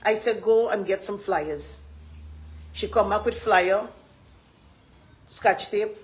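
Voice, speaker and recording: A Guyanese woman speaks out as a community advocate in an impassioned live address. Her voice sits at a middle pitch, and her talk is emphatic and rambling, circling back to the same points again and again.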